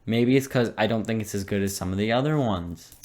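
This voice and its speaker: A young man co-hosting a casual podcast, quick and joking with a sarcastic streak. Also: fairly low pitch, darkish tone. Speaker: podcast co-host. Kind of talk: casual chat.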